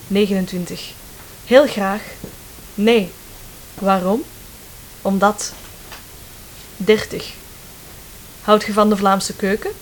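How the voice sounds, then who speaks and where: A woman with a Flemish accent slowly reading numbered phrases for a language lesson, clear and careful. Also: medium pitch, slight background noise, low-quality recording. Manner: slow, careful, clearly enunciated. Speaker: language teacher.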